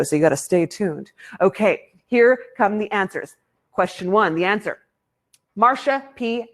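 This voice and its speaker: A woman hosting a virtual fundraiser banquet over a video call, gushing and playful with quick asides. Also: mid-range voice. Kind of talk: upbeat emcee patter.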